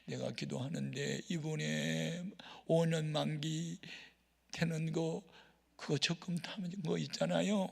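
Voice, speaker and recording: A man's voice: fairly high pitch, lively intonation, slow pace, creaky, a little mellow, pitched above the performer's own voice, full character voice. A male preacher voicing his tearful, pleading wife as he retells the story, in a large reverberant hall. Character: tearful pleading pastor's wife, middle-aged woman.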